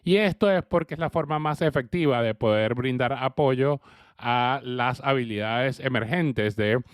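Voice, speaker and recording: A man interpreting an early childhood education lecture, speaking slowly and haltingly with frequent fillers. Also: medium pitch, clean tone, no echo, clean studio sound. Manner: hesitant, with frequent fillers and uneven pace.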